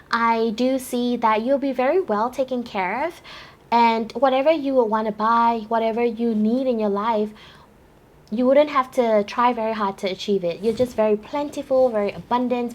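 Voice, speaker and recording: A bubbly young woman giving a chatty pick-a-card tarot reading, laughing often. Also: fairly high pitch. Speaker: tarot reader.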